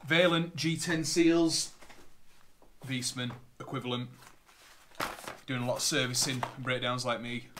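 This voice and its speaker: Seated at a table in his living room before a tripod-mounted camera, a Northern English plumber unpacks boiler parts for a casual unboxing vlog, chatty and matter-of-fact as he rattles them off while plastic bags crinkle. His mid-range voice is a bit bright and fairly even, at a measured pace with long pauses. There's a little hiss or hum.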